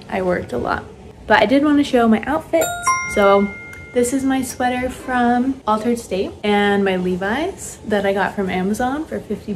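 A woman's voice: fairly high pitch, a little hiss or hum. A young woman in her twenties chatting casually to a phone camera at arm's length in a bedroom, describing her day and outfits. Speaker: vlogger. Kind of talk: casual vlog talk to camera. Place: bedroom at home, indoors. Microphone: phone held at arm's length.

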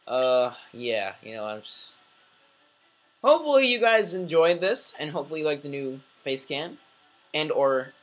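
Excitable young man with a lively voice. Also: a little high, moderate pace. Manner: excitable, swings between mumbling asides and sudden shouts; self-deprecating, rambling. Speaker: let's play gamer. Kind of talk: casual gameplay commentary.

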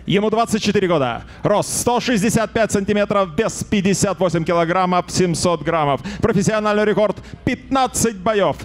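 A man's voice: high voice, moderate pace, hardly any pauses, slight background noise. A man working as a boxing ring announcer in a fighting game announcer style, formal and emphatic, stretching out key words over a handheld microphone. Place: boxing ring in an indoor arena.

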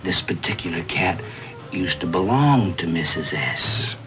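Slow-drawling jive-talking beatnik hipster. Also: male voice, low voice, lively intonation, a bit bright. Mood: confiding. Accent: American. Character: laid-back, self-important beatnik club owner, a jive talker. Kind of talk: 1950s television drama acting. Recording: dull vintage TV soundtrack, music behind.

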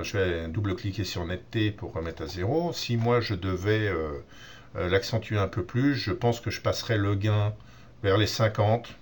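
A man giving a relaxed software tutorial on photo editing, explaining step by step with many fillers and restarts. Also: on the low side, slight background noise. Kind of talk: screen-recorded software tutorial.

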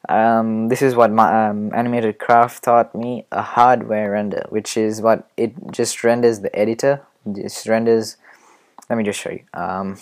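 A man giving a casual screen-recorded animation tutorial, rambling and hesitant, often muttering quiet asides to himself. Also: on the low side, little pitch movement, a little slow.

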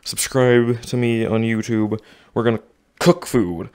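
A man's voice: medium pitch, fairly even intonation, a little slow, a little mellow, smooth. A young man commentating his own VR gameplay, out of breath, narrating every move and muttering to himself. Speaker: gaming YouTuber. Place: home room with desk.

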